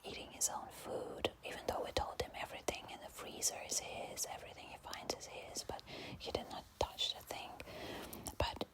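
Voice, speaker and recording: A woman whispering quietly, as if at night, telling a casual, sweary, exasperated personal story in ASMR style. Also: poor audio. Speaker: storyteller sharing a personal anecdote.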